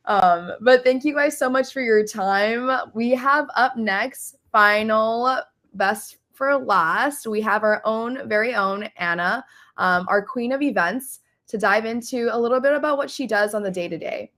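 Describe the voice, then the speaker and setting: A woman's voice: fairly high pitch, measured pace, fairly bright tone. A woman hosting a webinar, chatty and playful in casual talk. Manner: chatty and playful, laughs easily. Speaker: webinar host. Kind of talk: casual chat.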